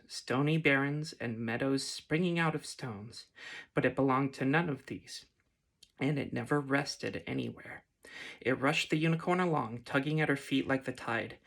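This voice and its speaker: A man gently reading a fantasy story aloud in a soft ASMR style. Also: medium pitch, gravelly. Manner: gentle, unhurried. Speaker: reader.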